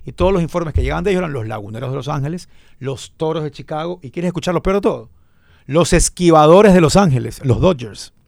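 Gravelly emphatic Ecuadorian man. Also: a little high, fast talker, no echo, clean studio sound. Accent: Ecuadorian Spanish. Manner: animated storyteller, emphatic. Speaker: sports show host. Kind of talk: casual panel debate.

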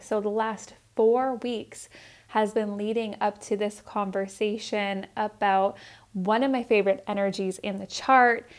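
A woman's voice: medium pitch, a little mellow. A woman hosting a spiritual podcast, talking in an earnest, rambling way and correcting herself as she goes. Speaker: podcast host. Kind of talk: casual spiritual podcast talk.

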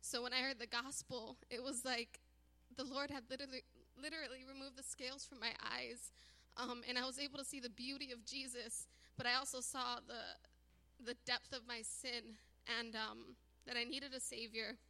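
A woman's voice: fairly high pitch, level tone, pushed and bright. Earnest woman testifying in a reverberant hall. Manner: earnest, halting with frequent fillers. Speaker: church member giving testimony. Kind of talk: personal testimony.

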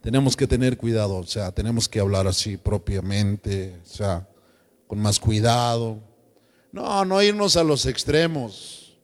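A man preaching a sermon as pastor, lively and joking, slipping into slang voices. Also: lowish voice, measured pace, long reverb tail. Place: church.

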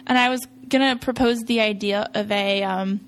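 A woman's voice: mid-range voice, fairly even intonation, moderate pace, slight background noise. A woman co-hosting a local podcast, talking in a bubbly, upbeat, casual way. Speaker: podcast co-host. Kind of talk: casual chat.

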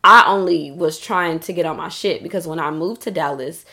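Co-hosting a candid podcast in Dallas, a woman recounts a personal story with emphasis, frequent swearing and plenty of "like." She speaks at normal speed in a lowish voice with a sharp tone.

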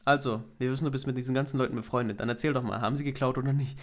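Fast-talking young man telling stories. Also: medium pitch, steady tone. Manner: slangy, storytelling, swears with "Alter". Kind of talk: casual chat.

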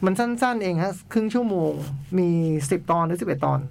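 A man's voice: sits high, lively intonation, a little fast, vocal fry, slight background noise. A man hosting a casual chat, explaining at length and laughing often. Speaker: podcast host. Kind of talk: casual chat reviewing a series.

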